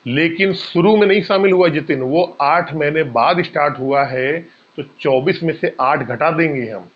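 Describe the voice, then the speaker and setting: A man's voice: a little high, moderate pace, highs cut off. Man teaching maths step by step. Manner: explains step by step, asks and answers his own questions; addresses students as bhaiya. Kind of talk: exam-prep maths lesson.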